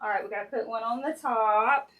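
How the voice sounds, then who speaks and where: A woman's voice: a little high, a little fast, pushed and bright. A woman with a Southern US accent chats casually and folksily to viewers, thinking aloud while she works on a craft at home. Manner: chatty, folksy, addressing viewers directly. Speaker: craft maker hosting a live stream. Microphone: sensitive live-stream camera mic.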